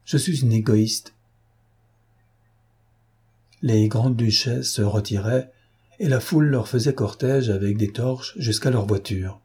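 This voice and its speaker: A man narrating a classic novel in a measured, even reading. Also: mid-range voice, slightly rough. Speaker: audiobook narrator.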